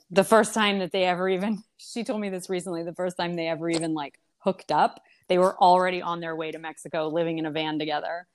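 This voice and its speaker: Rambling young woman, low voice. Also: darkish tone. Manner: rambling, many fillers and restarts. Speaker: podcast guest. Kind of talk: casual conversational storytelling.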